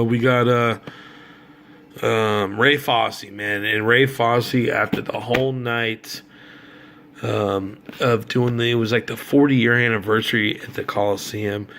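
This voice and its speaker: A middle-aged man with a gravelly, creaky voice spins loose, rambling stories in a casual vlog. He talks slangy and easygoing, swearing casually. Faint noise hums behind him. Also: medium pitch, a bit bright. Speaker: autograph collector and fan.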